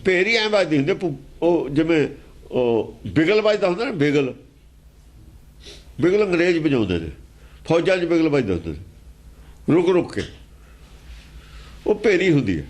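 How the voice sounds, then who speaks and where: A man's voice: a little high, big pitch swings, normal speed, long pauses, darkish tone. Emphatic man explaining scripture. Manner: emphatic and argumentative, with pointed rhetorical questions. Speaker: scripture teacher.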